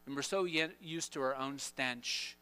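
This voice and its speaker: A man's voice: medium pitch, a little slow, sharp tone, smooth, long reverb tail. A man preaching a sermon, telling the story with playful asides and restarts.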